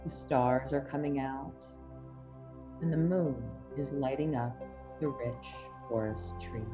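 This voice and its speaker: A woman with a low voice leads a hypnotic relaxation exercise. She speaks soothingly and unhurriedly, leaving long pauses between phrases. Clear New-age music plays behind her. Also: fairly even intonation. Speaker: hypnosis instructor. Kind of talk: slow, soothing guided relaxation induction. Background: soft New-age music.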